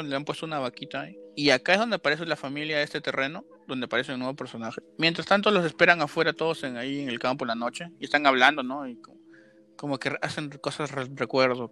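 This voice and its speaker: A man casually retelling a horror film's plot as a podcast co-host, animated, with sound effects and filler words. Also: mid-range voice. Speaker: podcast co-host recapping a film. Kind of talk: casual chat.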